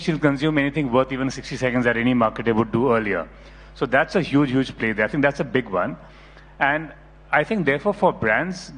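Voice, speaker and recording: A man's voice: medium pitch, fairly bright tone. A middle-aged man speaking on a panel in an emphatic, lecturing way, often checking in with "right?". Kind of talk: panel discussion. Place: conference hall. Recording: reverberant conference hall.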